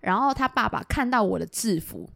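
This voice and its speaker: A young woman from Taiwan with a Taiwanese Mandarin accent, co-hosting a podcast and telling stories in a casual chat, acting out the people she quotes in lively voices. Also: on the high side, brisk, vocal fry, dry recording, studio quality. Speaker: podcast co-host.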